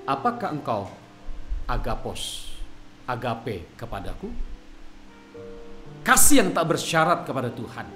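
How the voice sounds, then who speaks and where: A man preaching a sermon, speaking straight to his congregation and now and then singing a bit of a worship song. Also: on the high side. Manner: addresses the congregation directly, sings snatches of worship songs. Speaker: pastor.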